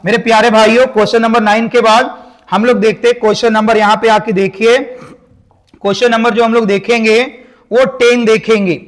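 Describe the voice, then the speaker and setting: Teacher guy, really high voice, keeps asking what do we call this then answers it. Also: level tone, moderate pace. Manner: repeats questions to the class and answers them; addresses viewers as dear guys and my brother. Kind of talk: exam-prep lesson.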